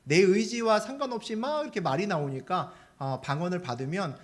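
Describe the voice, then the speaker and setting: Male pastor, sermon; pitched a bit high, swings up and down a lot, storytelling delivery. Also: fairly quick. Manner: animated storytelling, asks the congregation questions.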